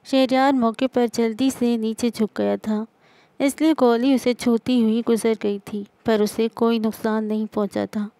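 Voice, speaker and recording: A woman reading a novel aloud in steady, scripted narration. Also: on the high side, dry recording.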